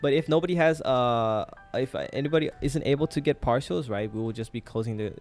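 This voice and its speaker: Soft music plays behind a young Thai-raised man running a relaxed live trading stream. Speaking briskly in a medium-pitched, darkish voice, he chats away to his audience with many fillers.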